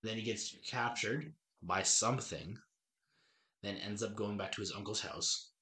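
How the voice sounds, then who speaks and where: A man's voice: fairly low pitch, a little slow, sharp tone. Podcast host, a man in his thirties, eager and rambling, trips over his own sentences. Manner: eager, rambling, with frequent restarts. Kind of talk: casual movie review chat.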